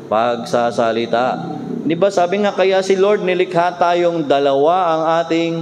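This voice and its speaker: A man preaching a sermon as pastor in a conversational way, often asking his listeners "right?" and slowing down to read scripture. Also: sits high, darkish tone, long reverb tail, a little hiss or hum.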